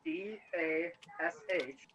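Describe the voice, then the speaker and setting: A man calling in on his phone, spelling out letters haltingly while the call keeps cutting out. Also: a little high, fairly even intonation, a bit bright, a little hiss or hum. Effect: phone call breaking up. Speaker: player. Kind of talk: casual chat.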